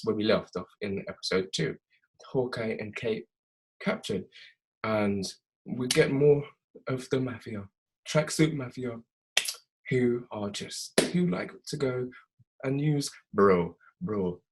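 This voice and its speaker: A young man casually recapping a TV episode, chatty and animated, laughing often. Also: mid-range voice, a little slow, a little hiss or hum. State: tired.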